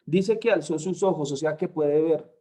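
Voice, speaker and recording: A man, tutoring a Bible class, who explains slowly and keeps checking understanding with short questions. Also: a little high, dark tone. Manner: explains slowly, asks "¿cierto?" after points.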